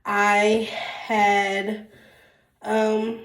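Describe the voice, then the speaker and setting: Congested from a cold, a young woman chats openly with her viewers in a loose, sit-down YouTube video, full of ums and false starts. She speaks extremely slowly in a monotone, medium-pitched voice with a fairly bright tone, recorded in an echoey room.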